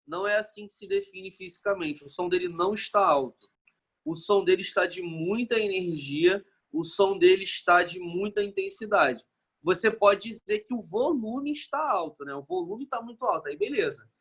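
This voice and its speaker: A man's voice: high voice, lively intonation, normal speed, a bit bright, breathy edge. A man from Brazil, teaching a physics lesson in a casual, joking way and checking in with the class after nearly every phrase.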